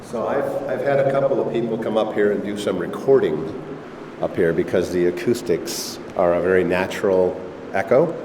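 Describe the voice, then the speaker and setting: A middle-aged man who owns an old missile silo, talking in a relaxed, rambling way with fillers, recorded inside a concrete chamber. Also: deep voice, normal speed. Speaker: missile silo owner giving a tour. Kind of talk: casual conversational interview. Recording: echoey concrete chamber, faint background noise.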